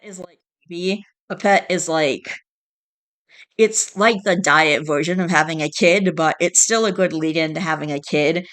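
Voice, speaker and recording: Here the stuffed-up, nasal host speaks unhurriedly in a fairly bright, mid-range voice. He reads posts from online in a loose, rambling style, with sighs and self-corrections scattered throughout, his nose clearly congested.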